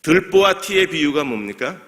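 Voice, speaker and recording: Fairly high-pitched and animated, this pastor speaks at a moderate pace with a slightly bright voice during a midweek sermon. He questions his congregation, supplies the answers himself and shares light jokes and laughter, all echoing with long reverb in the sanctuary.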